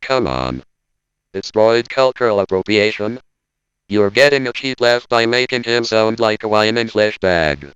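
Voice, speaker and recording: A man playing an indignant robot spokesman who delivers a stiff, deadpan lecture in a smooth, resonant voice. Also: fairly low pitch, unhurried, no room sound, lo-fi sound. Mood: stern. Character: indignant male robot spokesman, cold and logical. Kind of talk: scripted parody monologue.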